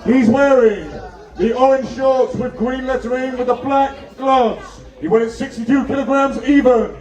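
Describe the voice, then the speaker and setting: High-pitched hype ring announcer, distant and echoing. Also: male voice, steady tone. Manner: drawn-out, building to shouted fighter introductions. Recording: roomy PA from far off, crowd.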